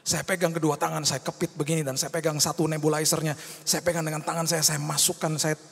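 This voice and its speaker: A man's voice: a little high, flat delivery, fast, vocal fry, a bit bright, slightly rough. A male pastor preaching an impassioned sermon, slipping English phrases into his talk and rising to fervent cries. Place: church hall. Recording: long reverb of a large hall.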